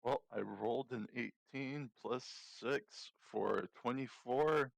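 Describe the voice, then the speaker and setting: A man's voice: mid-range voice, takes it slowly, vocal fry, no room sound, rough recording. A man playing a tabletop game, chatting casually and playfully. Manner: laughs through his lines, loose and playful. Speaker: player.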